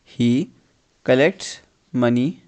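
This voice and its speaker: A man giving an English dictation as a teacher, reading deliberately phrase by phrase and repeating phrases. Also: mid-range voice, a little mellow.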